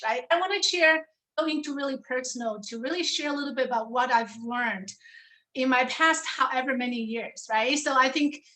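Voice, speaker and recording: A woman's voice: high voice, rough recording. A woman in her forties from China, a professor telling her life story on a video call and often asking "right?". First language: Chinese. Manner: warm storytelling, tag questions like "right?". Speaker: professor and panel speaker. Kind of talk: personal presentation on a video call.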